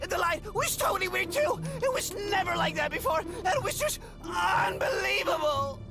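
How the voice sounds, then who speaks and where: A very high, squeaky young male wolf henchman rambles on, voiced by a woman, stretching his words slowly. He sounds jittery and eager to please. Game music plays steadily behind. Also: exaggerated voice. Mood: excited. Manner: rambling and excitable.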